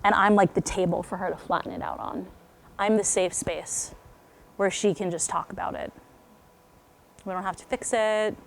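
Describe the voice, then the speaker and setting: A woman's voice: medium pitch, steady tone, moderate pace, vocal fry, long pauses, a little hiss or hum. A middle-aged woman speaking candidly to a group of parents, talking in a chatty, conversational way that drops to near whispers for asides. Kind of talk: parent talk to a live group.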